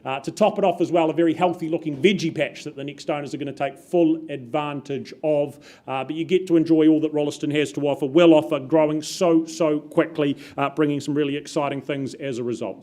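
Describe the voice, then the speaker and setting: High-voiced New man auctioning property. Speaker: real estate auctioneer. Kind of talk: live auction presentation.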